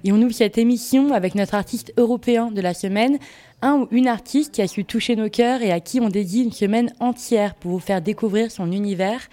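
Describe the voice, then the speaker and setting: Woman, radio host, live studio show, friendly announcing, warm mellow voice. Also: on the high side, brisk. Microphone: studio microphone.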